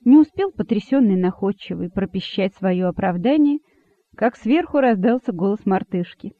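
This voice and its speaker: Woman narrator reading a fable, measured and expressive; phone-like, dry. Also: medium pitch, no echo. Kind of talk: reading a satirical fable aloud. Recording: dry tinny phone-like sound.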